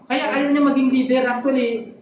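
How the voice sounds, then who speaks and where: A pastor giving a sermon, talking conversationally with frequent asides to the congregation. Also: male voice, very high-pitched, fairly even intonation, moderate pace, highs cut off, a little hiss or hum. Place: church hall. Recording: echoey hall from far off.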